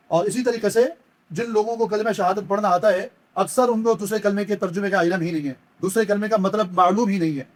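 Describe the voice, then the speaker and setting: A high-pitched man giving a step-by-step recitation lesson. He explains each error with patient repetition, then slowly chants the words and draws them out as a demonstration. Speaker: Quran recitation teacher.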